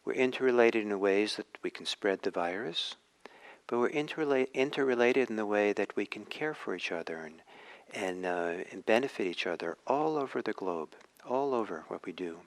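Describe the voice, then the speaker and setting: A man from Norway, giving a reflective dharma talk with many pauses and restarts. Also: lowish voice, animated. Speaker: meditation teacher.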